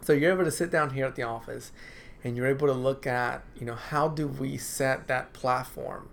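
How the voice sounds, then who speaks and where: At a moderate pace and in a steady tone, a counselor with a creaky mid-range voice talks informally to camera from his office. He clears his dry throat, repeats phrases, and frequently adds "right?".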